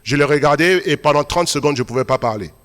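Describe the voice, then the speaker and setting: Male pastor, raised voice, preaching in a big echoing church hall, emphatic then quietly confiding. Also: a little high, fast talker. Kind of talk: sermon. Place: large church hall at a Sunday service. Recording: long hall reverb.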